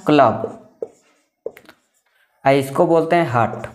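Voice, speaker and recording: A man's voice: a little high, slow. A man teaching a maths class casually, repeating himself and asking and answering his own questions.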